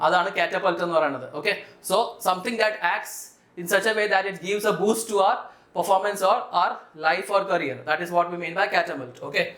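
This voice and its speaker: A man's voice: sits high, pushed and bright. A man with a Malayali Indian accent teaching vocabulary in a didactic way, explaining step by step and checking understanding with questions. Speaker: vocabulary teacher for exam students. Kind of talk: explanatory lesson, mixing English terms into speech. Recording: echoey room.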